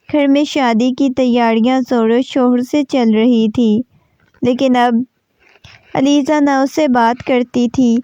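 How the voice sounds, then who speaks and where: A woman reading a romance novel aloud in a steady, even storytelling narration. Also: fairly high pitch, no room sound. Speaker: novel reader. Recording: dull lo-fi recording.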